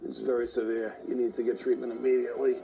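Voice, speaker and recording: Breathless and rambling, this man in his 40s recounts a personal story during an interview, peppering it with "like." He talks fast in a mid-range voice with a level tone and some vocal fry. Faint hiss runs under the dull, lo-fi audio.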